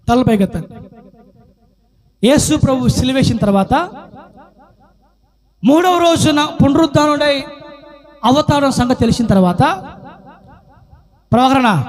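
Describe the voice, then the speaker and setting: A male pastor preaching a Sunday worship sermon, with repeated lists and rising shouts. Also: extremely high pitch. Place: church.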